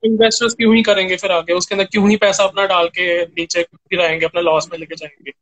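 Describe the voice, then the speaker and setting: High-voiced young man agreeing along. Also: level tone, quick pace, a bit bright. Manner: agreeable, keeps affirming with frequent interjections. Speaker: co-host. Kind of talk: casual explanatory chat.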